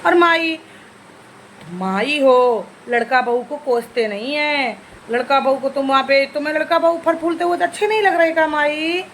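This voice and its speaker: A woman's voice: sits high, normal speed, a little hiss or hum. A woman vlogger, scolding and taunting an older woman in a reply video.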